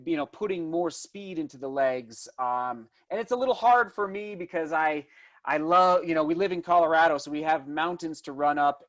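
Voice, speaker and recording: A man in his thirties talking casually as an interview guest, enthusiastic and rambling, often restarting his thoughts mid-sentence. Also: fairly high pitch. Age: 30s. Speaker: interview guest, distance runner and vlogger.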